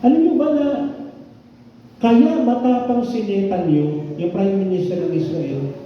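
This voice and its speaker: A man's voice: high voice, measured pace, a little hiss or hum. An older man preaching a Sunday sermon in a conversational way, often asking the congregation questions, in a church hall. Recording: echoey, dull hall sound from far off.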